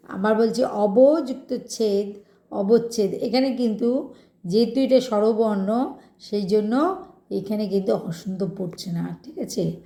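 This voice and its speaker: A woman's voice: fairly high pitch, mellow, roomy sound. A woman teacher giving a grammar lesson, patiently asking her students questions and working through examples.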